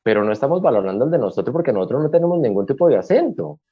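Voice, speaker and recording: A man's voice: medium pitch, big pitch swings, rapid-fire, husky, narrow, tinny audio. A Colombian man being interviewed, speaking bluntly and emphatically with frequent restarts, in a casual chat. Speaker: guest.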